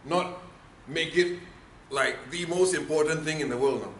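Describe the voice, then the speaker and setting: This man's voice sits fairly high, with a measured pace and a fairly bright tone. As a speaking trainer running a workshop lecture, he speaks emphatically and questions his audience. Faint noise and room echo are audible.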